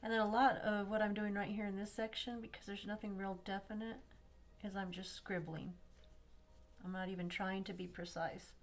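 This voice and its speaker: A woman's voice: medium pitch, fairly even intonation, moderate pace. A woman hosting a craft tutorial, talking casually as she colors and thinking aloud, sometimes dropping to a near-whisper. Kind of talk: casual demo narration while coloring.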